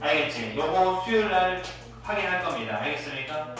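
A man's voice: a little high, expressive, brisk, fairly bright tone, soft background music. A Korean man teaching English to kids in a classroom, drilling pronunciation and having them repeat words after him. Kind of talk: classroom phonics lesson. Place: echoey classroom at an academy. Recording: roomy echo, distant mic.

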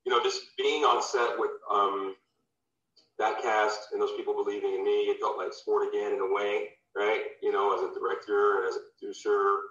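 Low-voiced man on a distant, roomy line. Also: level tone, moderate pace, a bit bright. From Louisiana, USA. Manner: loose, rambling, many fillers and restarts. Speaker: guest, former football player turned filmmaker. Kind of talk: casual interview. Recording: distant, roomy, dull remote audio.

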